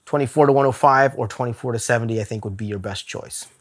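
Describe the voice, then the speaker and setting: A man's voice: medium pitch, fast. A man talking casually to camera in a gear review vlog, candid and chatty, laughing now and then. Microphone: camera-mounted shot on a zoom lens.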